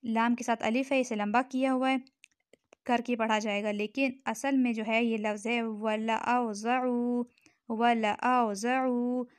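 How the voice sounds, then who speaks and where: A woman with a Pakistani Urdu accent teaching Quran recitation rules, patiently repeating each word slowly and checking in with her listeners. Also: fairly high pitch, steady tone, smooth, no echo. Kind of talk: tajweed lesson explanation.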